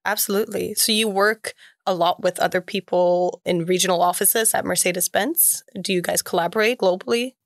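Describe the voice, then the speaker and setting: A woman's voice: on the low side, fairly even intonation, brisk, no echo, studio quality. A woman hosting a podcast interview, listening attentively with short affirmations and asking questions. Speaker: podcast host.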